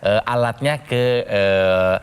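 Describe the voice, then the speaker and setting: A man hosting an infomercial, pitching to viewers in an emphatic, exhorting sales manner. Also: fairly even intonation, slow, clear, resonant tone. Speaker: TV infomercial host. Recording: reverberant hall-like room sound.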